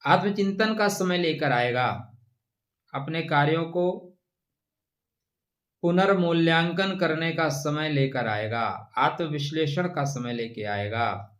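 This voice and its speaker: A man giving an astrology forecast, advising listeners in a measured way and calling them friend. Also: a little high, fairly bright tone. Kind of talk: horoscope talk to camera.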